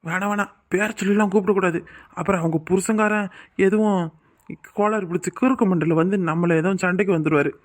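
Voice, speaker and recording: A man's voice: sits high, fairly even intonation, fast talker, close to an everyday voice. A man voicing a remorseful, anxious young village husband in a cartoon, talking in worried rural speech. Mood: nervous. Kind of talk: cartoon voice acting.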